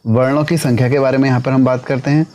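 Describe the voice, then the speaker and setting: A man teaching an exam-prep lesson who asks the class questions, answers them himself and keeps adding a quick tag question. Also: mid-range voice, flat delivery, a little mellow.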